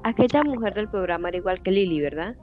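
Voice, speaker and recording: Voicing a bitter, jealous wife of fifty who keeps interrogating and accusing her husband, a woman reads audiobook dialogue quickly with lively intonation at a medium pitch. She sounds close to her everyday voice. The audio is narrow and tinny, with soft music underneath.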